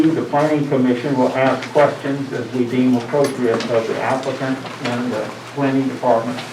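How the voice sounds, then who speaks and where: Masked man chairing, distant and echoey. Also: medium pitch. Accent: American. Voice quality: slightly muffled by a face mask. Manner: deliberate, speaking up to be heard. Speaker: planning commission chairman. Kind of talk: formal meeting opening remarks. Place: indoor public meeting room. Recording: distant mic, echoey room, clear noise.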